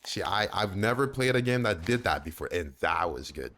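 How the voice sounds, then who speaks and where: Deep-voiced young man reacting to a game. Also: moderate pace. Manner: animated, talks back to the game, exclaims and repeats himself. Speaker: gamer playing a horror game. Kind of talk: let's-play commentary.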